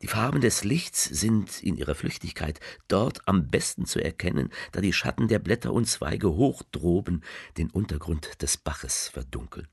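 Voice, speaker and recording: A tender letter writer in a radio play, his voice extremely deep and rough with fry. The tone is breathy and husky, and it sits bone-dry and close to the mic. He reads slowly, often drifting into a hushed half-whisper. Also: big pitch swings, no room sound, full character voice. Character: male letter writer speaking tenderly to a loved one. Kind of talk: intimate literary reading, radio play.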